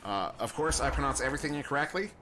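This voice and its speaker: A man's voice: medium pitch, animated, very fast, music in the background. A young American man doing casual play-by-play commentary on an esports match, rambling and self-deprecating, often chuckling. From United States. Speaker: esports caster.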